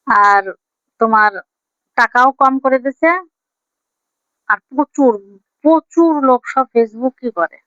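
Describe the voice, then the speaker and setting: High, smooth-voiced teasing woman. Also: slow, pauses often, fairly bright tone, no echo, highs cut off. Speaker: vlogger. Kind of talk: casual chat with her husband.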